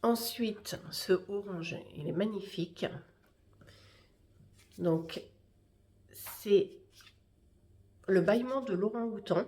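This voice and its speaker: A woman's voice: medium pitch, slow pace, pauses often, a little mellow. A woman hosting a knitting podcast, chatting casually and hesitantly with many fillers while showing her work. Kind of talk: casual show-and-tell chat.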